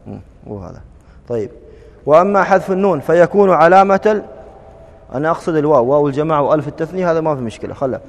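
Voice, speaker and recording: A man teaching a grammar class, drilling students with quick questions and repeated verb forms. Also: on the high side, lively intonation, long reverb tail.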